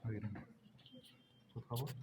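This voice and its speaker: A man teaching a class, lecturing deliberately and checking in with his students again and again. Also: very noisy. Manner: slow, deliberate, checks understanding with frequent "¿sí?".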